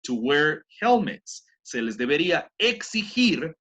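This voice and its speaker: A man's voice: on the high side, very animated, takes it slowly, a bit bright, breathy edge. A man from Latin America teaching an English class, explaining grammar step by step and often checking with tag questions. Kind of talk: online class lecture.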